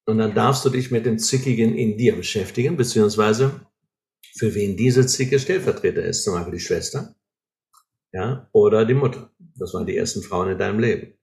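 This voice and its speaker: A man's voice: fairly low pitch, normal speed, vocal fry, darkish tone. A man explaining ideas in an earnest way, often checking in with short tags like "right?", in a conversation. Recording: roomy echo.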